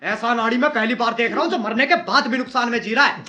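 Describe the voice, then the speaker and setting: A man's voice: very high-pitched, quick pace, over a noisy crowd. A man delivering mocking roast commentary over clips of a ghost-hunting show. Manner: mocking, sarcastic. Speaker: comic video narrator. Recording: noisy recording.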